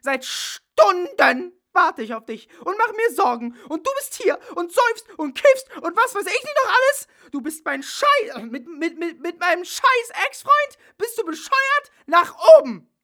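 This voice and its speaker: A woman's voice: very high-pitched, big pitch swings, extremely slow, few pauses, pitched above the performer's own voice, exaggerated voice. A man voicing an enraged young woman who screams at her ex-boyfriend. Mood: furious. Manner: shouting, screeching. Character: furious young woman, shouting ex-girlfriend.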